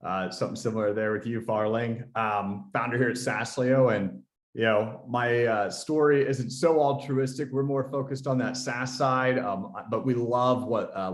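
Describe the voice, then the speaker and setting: A man chatting casually on a livestream, with a strong echo as if inside a concrete bunker. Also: on the low side. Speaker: software company founder, guest. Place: echoey indoor office with whiteboard.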